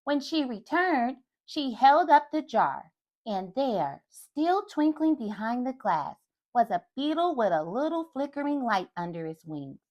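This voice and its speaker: A woman reading a picture book aloud to young children in an animated way, stopping to talk to her listeners. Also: fairly high pitch. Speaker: children's storyteller.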